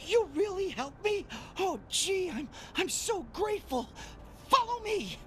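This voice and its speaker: An actor playing a nervous, gushing little alien scientist in a video game. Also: male voice, extremely high pitch, sing-song, unhurried, heavily acted. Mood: anxious. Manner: nervous, gushing, overly grateful. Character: frantic small male alien scientist impostor. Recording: game audio with loud noise behind.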